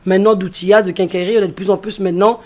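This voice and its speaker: Talking very fast in a warm, medium-pitched voice with fairly even intonation, a French-raised entrepreneur appears as an interview guest. She walks through her points step by step and repeats key phrases to stress them.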